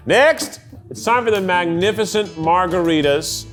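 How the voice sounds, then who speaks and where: A man's voice: high voice, unhurried, faint music behind. A man hosting a casual tasting chat, joking and playing with words. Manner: animated, jokey, wordplay. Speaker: host.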